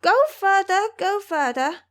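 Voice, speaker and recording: A woman voicing an excitable, brash and devoted male monkey disciple in an audio drama, with an eager, exclamatory delivery. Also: extremely high pitch, a little slow, voice pushed up. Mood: urgent, excited.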